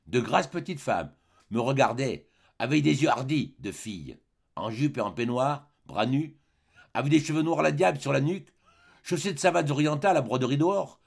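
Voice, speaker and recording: A man narrating a literary audiobook in measured, deliberate phrases with pauses. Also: medium pitch, animated, vocal fry. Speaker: audiobook reader.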